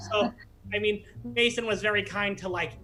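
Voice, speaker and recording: Dude doing a burnt-out building manager rambling about it, bright voice, wry. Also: male voice, high-pitched, fairly even intonation, poor audio. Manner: rambling and wry, with slow drawn-out stretches. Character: weary man handing off a burdensome building-manager job. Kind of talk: improv comedy scene.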